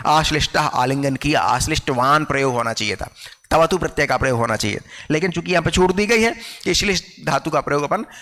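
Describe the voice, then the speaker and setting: A male teacher giving an online grammar lecture, explaining patiently, often checking whether students follow and slowing down to dictate example sentences. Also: a little high, sharp tone, big-room sound.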